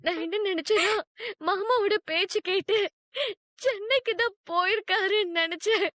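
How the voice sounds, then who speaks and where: An actress dubbing a tearful, regretful young wife in a TV serial. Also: female voice, extremely high pitch, normal speed, pushed and bright, no echo. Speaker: wife of the arrested man. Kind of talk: dubbed TV serial dialogue.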